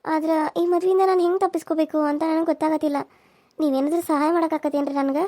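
A woman voicing a gentle, tearful young bride-to-be in a cartoon serial, speaking softly with a North Karnataka Kannada accent. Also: high-pitched, flat delivery, rapid-fire, no echo, natural voice. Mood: worried. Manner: soft, pleading.

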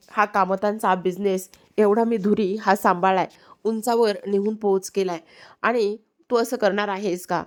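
A woman's voice: medium pitch, natural voice. A woman voicing a domineering middle-aged matriarch who heads a family business, in commanding, scolding quoted lines from a serial recap.

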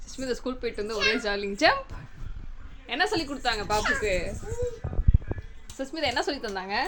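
A mother at home in a casual family vlog, gently coaxing her small daughter with questions and talking to the camera. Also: sits high, sing-song, fairly quick, heavy background noise.

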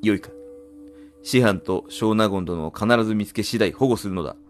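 A man's voice: on the low side, moderate pace, close to an everyday voice. A man voicing a stern, protective senior onmyoji in a game, with solemn, archaic, commanding speech. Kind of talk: game dialogue read in character. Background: game music.

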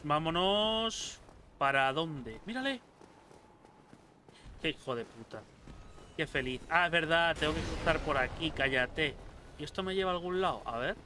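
A young man runs casual gameplay commentary, swearing freely and heckling the enemies he meets. His voice sits a little high and sounds bright and forceful. A faint background hiss runs under the desk-mic recording. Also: moderate pace, pauses often. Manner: excitable, swears a lot, talks to enemies. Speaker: gameplay streamer. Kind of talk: casual let's-play commentary.

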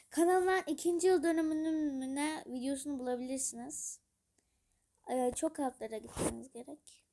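Woman gaming vlogger, high voice, chatty, excitable, talks to the screen. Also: creaky, a little hiss or hum. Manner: chatty, gushing over game items, talks to her character. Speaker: gaming YouTuber. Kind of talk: casual gameplay commentary.

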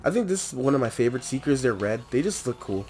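A young man giving chatty, excitable gameplay commentary and talking to the characters on screen. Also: mid-range voice, fast, a little hiss or hum. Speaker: let's play host.

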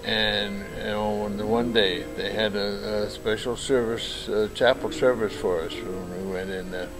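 A man in his nineties, born in Japan, telling stories in a halting, rambling way with many fillers and restarts, recorded by a camera across a table in a large lounge. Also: fairly low pitch, fairly even intonation, over music, poor audio. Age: 90s. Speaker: interviewee. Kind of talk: casual storytelling. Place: large bright lounge, indoors.

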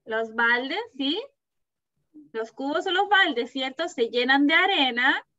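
A woman teaching a kindergarten class over a video call, asking slow, patient questions and praising the children. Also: high-pitched, animated, bright, forceful tone. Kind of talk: online class with young children. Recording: dull, muffled video-call audio.

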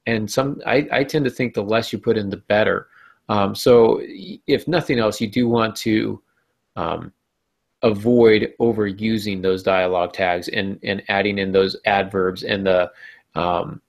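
Gravelly man explaining writing tips. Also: on the low side, steady tone, unhurried. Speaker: podcast host. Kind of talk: casual podcast chat about writing.

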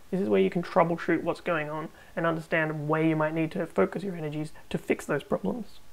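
A woman hosting a tech tutorial, narrating a screen recording with calm, step-by-step instructions. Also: on the low side, creaky, poor audio.

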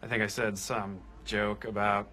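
A man's voice: fairly low pitch, level tone, moderate pace, pushed and bright, a little hiss or hum. An actor playing a carefree male police detective with a playful, offhand way of talking. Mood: joking. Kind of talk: TV sitcom acting.

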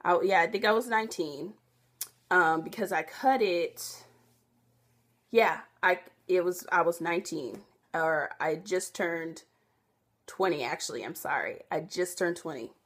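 Chatty young woman, slightly low voice. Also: measured pace, a bit bright. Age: young adult. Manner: rambling, self-correcting, chatty with many fillers. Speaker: vlogger. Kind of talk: casual chat to camera.

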